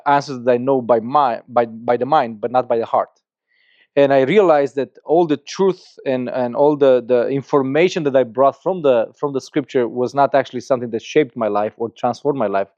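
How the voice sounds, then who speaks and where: This middle-aged Romanian man, a church planter appearing as a podcast guest, has a mid-range, darkish voice and a Romanian accent. He tells his story earnestly, restarting often and repeating words. The audio is dry and slightly muffled.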